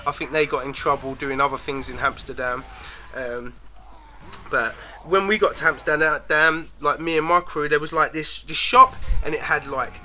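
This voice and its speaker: A man's voice: a little high, normal speed, sharp tone, slight background noise. A man telling a rambling personal story in a casual, chatty way, dropping "man" and "like" often.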